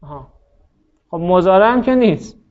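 A man's voice: sits high, expressive, darkish tone, highs cut off. A man teaching Arabic grammar in a class, quizzing students by name and praising their answers patiently. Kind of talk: classroom lesson, drilling students.

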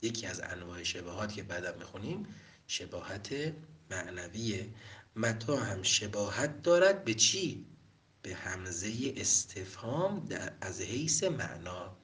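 A man giving a grammar lecture, reading short lines and then breaking them down patiently one step at a time. His voice sits low, and he sounds a little distant from the microphone. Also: big pitch swings, a bit bright. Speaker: Arabic grammar teacher. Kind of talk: classroom lecture.

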